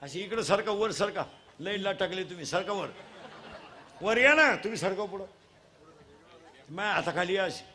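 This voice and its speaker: A middle-aged man preaching a comic devotional kirtan, teasing children and drilling them in loud call-and-response. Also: high-pitched, expressive, a little slow, long pauses, slight background noise.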